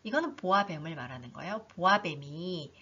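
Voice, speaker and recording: A woman teaching an English book in a lively online lesson, reading lines aloud and explaining them, often voicing the learners' questions herself. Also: on the low side, a little fast, slightly rough. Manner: animated, talks herself through learners' questions. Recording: dull lo-fi recording.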